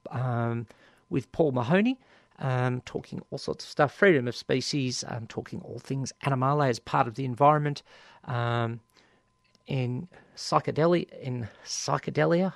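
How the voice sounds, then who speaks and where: A man's voice: mid-range voice, vocal fry, no echo, clean studio sound. A man with an Australian accent hosting a community radio show, chatting casually through announcements with lots of ums and playful asides. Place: radio studio.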